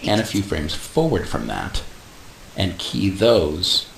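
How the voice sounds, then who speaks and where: A man explaining animation software step by step in a casual tutorial, adding little sound effects like "boom". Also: sing-song, slow pace, creaky. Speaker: animation instructor. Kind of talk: screen-recorded software tutorial. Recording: echoey room with faint hiss.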